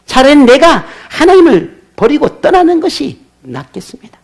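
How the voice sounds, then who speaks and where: A man's voice: extremely high pitch, very animated, moderate pace, vocal fry, pitched above the performer's own voice, full character voice. A man voicing a resentful grown man who complains bitterly to God in indignant protest.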